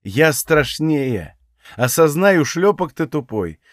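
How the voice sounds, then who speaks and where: Audiobook: male reader playing a domineering older woman mage, crude and scornful, raised pitch, very animated. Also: moderate pace, no echo, clean studio sound, lightly acted. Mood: menacing. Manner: sneering, coarse, domineering. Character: arrogant foul-mouthed older female mage.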